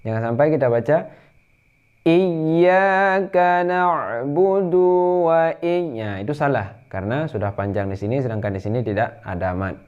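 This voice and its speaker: A man with an Indonesian accent teaching Quran recitation rules, explaining patiently and then chanting verses in a drawn-out higher voice. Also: mellow, muffled recording. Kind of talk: tajwid lesson with chanted recitation.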